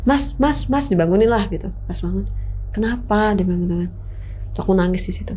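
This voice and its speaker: A woman's voice: mid-range voice, steady tone, fast talker, mellow, slight background noise. A woman, telling her own ghost story as a guest in a casual chat. She talks animatedly, acts out the scenes, and slips into whispers for the voices she quotes.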